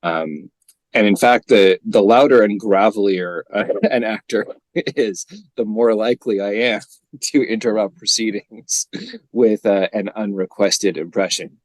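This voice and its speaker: A man's voice: lowish voice, a little slow, no echo. A man co-hosting a podcast, rambling in casual chat with frequent laughs. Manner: rambling, laughs often, drops into gravelly impressions. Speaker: podcast co-host.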